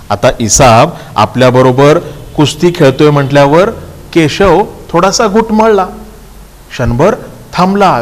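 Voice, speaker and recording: A male teacher reads a story aloud for a class, then goes over each sentence again in simpler words. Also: fairly high pitch. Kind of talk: reading a story aloud and explaining it. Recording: long hall reverb.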